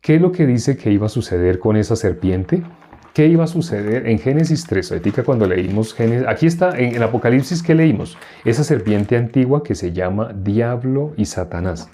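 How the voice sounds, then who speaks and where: A man's voice: mid-range voice, expressive, dark tone. A man teaching an interactive Bible class. He repeats verses and keeps asking the group questions. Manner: repeats verses slowly, chuckling now and then.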